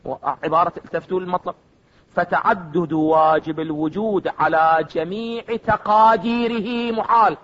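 A man's voice: high voice, normal speed. A man with an Iraqi accent teaching a seminary philosophy class and quizzing his students with repeated either-or questions. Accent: Iraqi Arabic. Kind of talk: classroom lecture. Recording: dull lo-fi recording.

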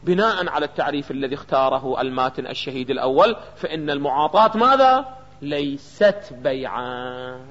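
A man's voice: medium pitch, animated, brisk, a bit bright. A man with an Iraqi Arabic accent teaching jurisprudence in a seminary lecture, constantly throwing questions at his students and answering them himself. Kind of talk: seminary lecture on a legal text. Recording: reverberant hall, dull lo-fi sound.

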